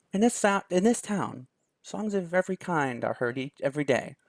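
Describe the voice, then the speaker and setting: A young man with a mid-range voice and no echo hosts a let's play, chatting casually while reading a visual novel's story text aloud. He's chatty, thinks out loud, and laughs easily.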